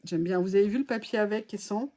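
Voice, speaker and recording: A woman's voice: medium pitch, fast, mellow. A woman vlogger chatting casually through a craft haul, exclaiming as she reacts to each item.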